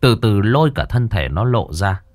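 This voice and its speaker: A man narrating a horror story in a lively, dramatic way. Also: on the low side, normal speed, no echo, clean studio sound.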